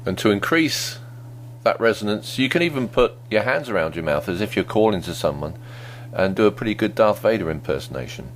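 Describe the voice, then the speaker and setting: A man explaining voice impression technique in a calm, conversational tutorial. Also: lowish voice, brisk, slight background noise. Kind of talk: instructional tutorial.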